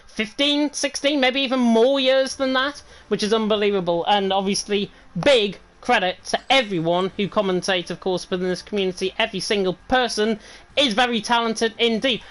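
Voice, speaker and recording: A woman's voice: mid-range voice, normal speed, low-quality recording. A woman commentating live on an online racing league, chatty and upbeat as she runs through the results. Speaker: race commentator. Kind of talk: live esports race commentary.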